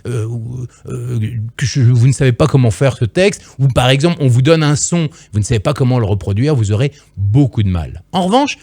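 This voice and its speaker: A man's voice: medium pitch, lively intonation, fairly quick, vocal fry, hardly any pauses, mellow, no echo. A man coaching future voice-over artists in an emphatic, playful direct-to-camera lesson, on a close microphone.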